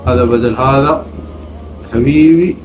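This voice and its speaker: A man's voice: medium pitch, measured pace, reverberant, over music. A man with a Gulf Arabic accent giving casual commentary on his gameplay, often repeating short catchphrases. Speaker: gaming video host.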